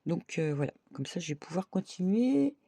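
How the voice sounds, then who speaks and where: A woman's voice: fairly low pitch, sing-song, moderate pace, warm tone, dry recording. A woman craft vlogger chatting casually to her viewers, thinking aloud and dotting her talk with little "hop" and "voilà".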